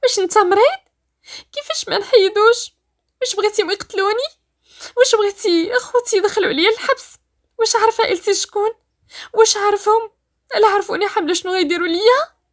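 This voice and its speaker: A woman's voice: very high voice, quick pace, voice pushed up. A woman doing a tearful, frantic young Moroccan woman. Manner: pleading and shouting through tears. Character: frightened pregnant young woman, desperate and stubborn. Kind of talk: storytelling voice-acting.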